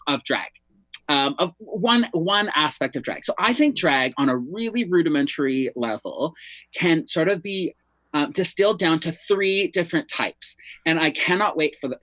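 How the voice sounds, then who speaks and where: A man's voice: fairly high pitch, pushed and bright, no room sound, rough recording. A man with the campy, theatrical, gushing flair of a drag queen, chattily hosting a casual talk show.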